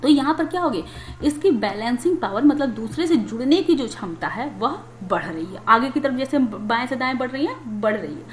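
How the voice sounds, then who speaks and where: A woman with a brisk, lively, rather high voice teaches a chemistry lesson conversationally, asking questions and then answering them herself. The room is echoey, with faint noise in the recording.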